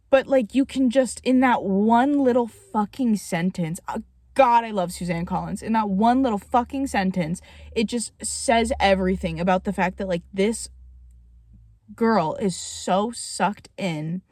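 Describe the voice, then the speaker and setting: A woman chatting through her reaction to a book, loose and rambling, swearing often as her excitement builds. Her voice sits at a middle pitch. The sound is close and dead, with no room around it. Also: dry recording. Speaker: book reviewer. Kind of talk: casual reaction vlog.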